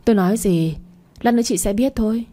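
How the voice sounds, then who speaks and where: A woman's voice: mid-range voice, fast, warm tone, voice pushed up, close to an everyday voice. A woman voicing a bold young woman who speaks firmly and urgently in a storybook reading. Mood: defiant.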